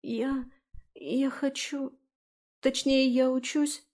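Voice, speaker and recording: A woman's voice: sits high, normal speed, mellow, voice pushed up. A woman voicing a shy, ashamed young girl who speaks hesitantly and falters.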